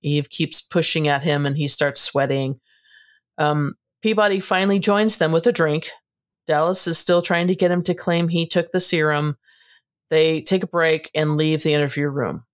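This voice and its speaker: A woman co-hosting a casual book review podcast, giving a steady, matter-of-fact plot recap. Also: deep voice, moderate pace. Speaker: podcast co-host.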